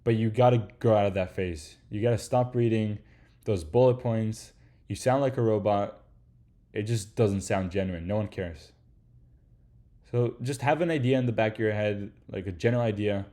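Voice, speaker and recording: A man giving casual, slangy advice to aspiring creators in a relaxed lecture, swearing now and then and tossing in "like" and "right?". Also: on the low side, normal speed. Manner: laid-back, slangy, swears casually, peppers speech with "like" and "right?".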